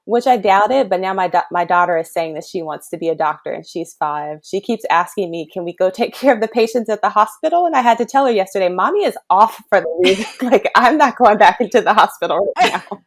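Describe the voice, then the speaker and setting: With a medium-pitched voice, lively intonation and a brisk pace that hardly pauses, this children's kidney doctor guests on a casual interview. She's in her thirties, from Chicago's south suburbs, and speaks earnestly and thoughtfully, laughing easily.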